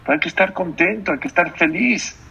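A rabbi and religious teacher delivers an emphatic sermon in a high, brisk voice that is gravelly, pushed, bright and slightly rough. He repeats phrases and puts questions to his listeners, captured on a dull lo-fi recording.

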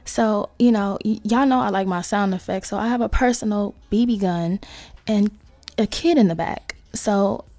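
A woman hosting a casual solo podcast, talking to listeners in slangy, sweary asides with creaky vocal fry. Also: mid-range voice, moderate pace, dark tone, dry recording. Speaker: podcast host.

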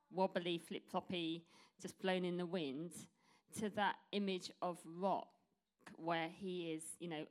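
A middle-aged woman preacher giving an informal, chatty, self-deprecating sermon to a congregation, pronouncing her R's as W's. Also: fairly low pitch. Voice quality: cannot say her R's, says w for r. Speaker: church preacher.

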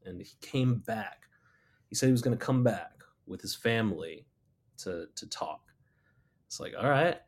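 A middle-aged man, a muralist, recounting a personal story in a relaxed, rambling way with many fillers and restarts. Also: mid-range voice. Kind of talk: casual spoken storytelling.

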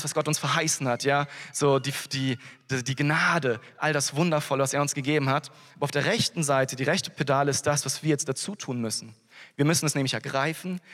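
A man preaching a sermon to his congregation in a conversational way, often turning to the listeners with quick asides. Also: on the high side, fairly bright tone, long reverb tail. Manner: conversational, addresses the congregation directly with frequent "hey" and "ja". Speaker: pastor.

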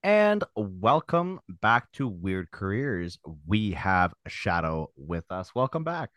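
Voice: low voice, big pitch swings, slow, fairly bright tone, no room sound, studio quality. A podcast host reading an ad and chatting casually, agreeable, with sarcastic quips. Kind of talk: casual podcast chat and read ad.

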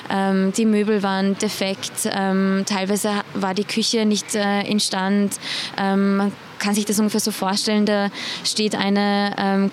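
A young woman from Iran talks as a journalist in an interview, pausing often and filling gaps. Her pitch stays level and even throughout, with a faint hiss beneath her voice. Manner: hesitant, many fillers. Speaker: investigative journalist. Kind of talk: interview answers.

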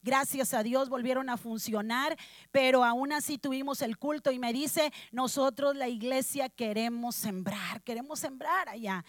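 A high-voiced woman preaches in a dry, close recording. She tells a personal testimony with feeling and keeps turning to the congregation as brothers and sisters. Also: moderate pace, no room sound. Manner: addresses congregation as brothers, emotional storytelling. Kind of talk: sermon testimony.

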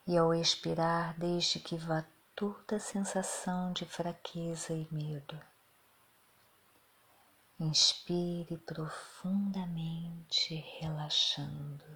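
A woman guides a meditation at an unhurried, drawn-out pace, her voice soft and soothing. She sits a little low in pitch and often drops into breathy half-whispers. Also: steady tone, slight background noise.

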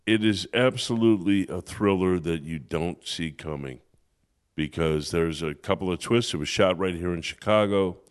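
A man's voice: low voice, moderate pace, clear, resonant tone. A man co-hosting a podcast in casual chat, enthusiastic and effusive about what he likes. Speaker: podcast co-host.

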